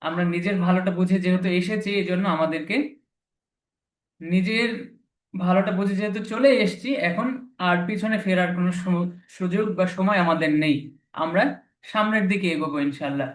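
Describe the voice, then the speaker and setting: High-voiced man teaching in an echoey room. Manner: patient, repeats each letter slowly to drill pronunciation. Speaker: English teacher. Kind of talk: recorded classroom lesson.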